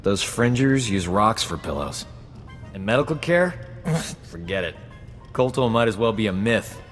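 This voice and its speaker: Boastful and very animated, a low-voiced male space doctor from a video game takes his time with smug, flirtatious, confident banter. The cocky frontier medic and companion character is heard with long hall reverb over game music.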